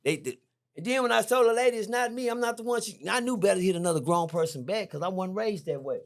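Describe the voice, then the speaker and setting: A middle-aged man, a podcast guest, telling a story in a lively, slangy way, repeating himself and jumping high when excited. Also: fast talker. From Texas. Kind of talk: animated storytelling. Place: podcast studio.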